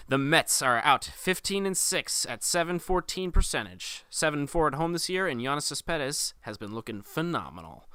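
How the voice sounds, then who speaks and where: A man co-hosts a casual podcast in a bright, crisp voice. He jokes loosely as he chats. His close mic sounds dry. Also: medium pitch, no echo. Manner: loose, jokey delivery with laughs and playful bits. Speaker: podcast co-host. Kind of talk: casual podcast chat with sports updates.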